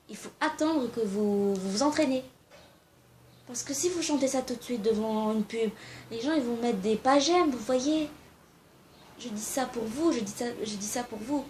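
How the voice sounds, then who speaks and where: A young woman with a slightly high voice gives casual singing advice straight to camera. She talks informally and hesitantly, with plenty of fillers. A faint steady hiss sits under her voice. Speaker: amateur singing tips vlogger. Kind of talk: casual spoken tips to camera.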